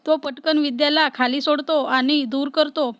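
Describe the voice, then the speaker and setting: A woman reading a story aloud as narrator in a steady, even way, close to the mic. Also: sits high, normal speed, no room sound, dull audio. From Maharashtra, India.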